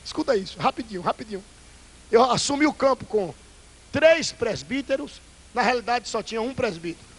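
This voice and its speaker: A male Pentecostal pastor, preaching a fiery, theatrical sermon that swings between loud bursts and hushed asides. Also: very high-pitched, animated, brisk, breathy edge, low-quality recording. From Brazil.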